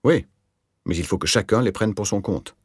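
A man voicing a calm, patient, gently ironic middle-aged man in an audiobook. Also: on the low side, normal speed, breathy edge, no room sound, studio quality, pitched above the performer's own voice. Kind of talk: audiobook character voice.

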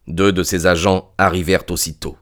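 In this literary audiobook, a man reads a classic mystery aloud with a fairly low voice. The narration stays measured and steady, its pace calm and even throughout.

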